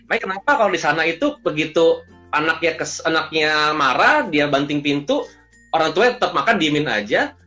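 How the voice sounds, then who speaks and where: A man who coaches emotional intelligence, explaining in an animated, conversational way and mixing English phrases into his speech. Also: on the high side, normal speed, soft background music. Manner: lively storyteller, mixes English phrases into speech.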